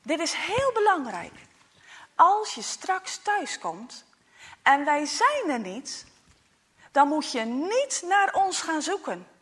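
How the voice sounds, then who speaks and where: A woman's voice: sits high, big pitch swings, slow pace, a bit bright, full character voice. A woman voicing a worried, loving father who speaks earnestly and insistently to his son.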